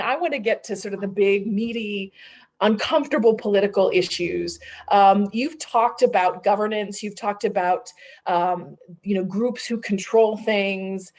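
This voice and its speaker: Woman moderator, policy panel talk, casual and thinking aloud, mid pitch. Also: darkish tone. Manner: conversational, many fillers and restarts. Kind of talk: policy roundtable discussion.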